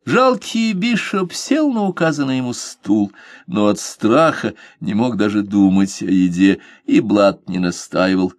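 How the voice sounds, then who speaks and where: A man narrating an adventure novel with expressive storytelling. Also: fairly low pitch, unhurried, dry recording, clean studio sound. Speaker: audiobook reader.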